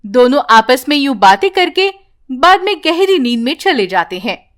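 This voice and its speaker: A woman narrating an animated bedtime story in a calm, even storytelling manner. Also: sits high, moderate pace.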